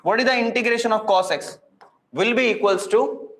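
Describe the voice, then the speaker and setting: A man's voice: sits high, normal speed, a bit bright. A man with an Indian accent teaching a live class, speaking emphatically, repeating key points and answering his own questions. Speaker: physics and maths teacher. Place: indoor room with echo. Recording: echoey room.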